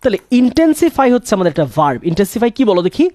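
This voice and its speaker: A man's voice: high-pitched, big pitch swings, quick pace, warm tone, no echo. A young man teaching English grammar, asking questions and answering them himself and repeating key words. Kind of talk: classroom-style grammar lesson.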